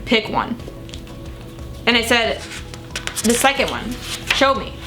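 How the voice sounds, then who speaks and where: A woman's voice: on the high side, expressive, slow pace, music in the background. A young woman reading old teenage diary entries aloud in a dramatic, gushing way, breaking off for casual, sweary asides. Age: young adult. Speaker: vlogger.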